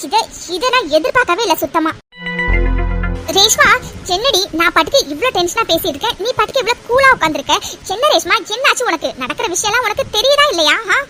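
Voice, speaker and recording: A scheming mother from an animated story, scolding and fretting in a very high, piercing voice that a woman puts on. She talks fast and sounds brittle and bright. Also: exaggerated voice. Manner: agitated, scolding, shrill. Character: scheming, fretful mother plotting against her daughter-in-law. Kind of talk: cartoon voice acting.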